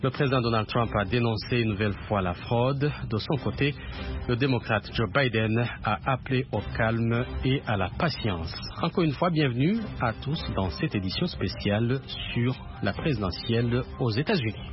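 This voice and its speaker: A man's voice: mid-range voice, lively intonation, moderate pace, music in the background. A man anchoring a scripted breaking news special bulletin on the radio. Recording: slightly dull radio broadcast sound.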